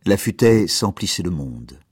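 A man reading a story aloud in measured, expressive scripted narration. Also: sits low, husky, dry recording, clean studio sound.

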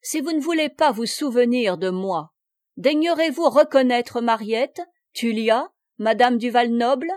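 A woman's voice: a little high, measured pace, a little mellow, no room sound, studio quality, lightly acted. A woman voicing a brash, glib male army officer who has risen above his station.

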